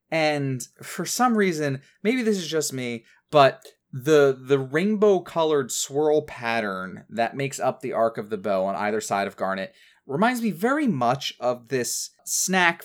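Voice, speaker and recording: A man in casual podcast chat, recapping a cartoon episode in animated detail with many fillers. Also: medium pitch. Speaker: podcast co-host.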